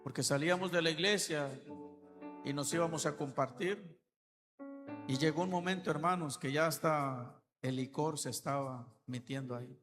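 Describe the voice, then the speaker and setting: A middle-aged man preaching an impassioned sermon, swinging from soft pleading to loud cries. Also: fairly high pitch, moderate pace. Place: church hall. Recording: church reverb with keyboard music. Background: keyboard music.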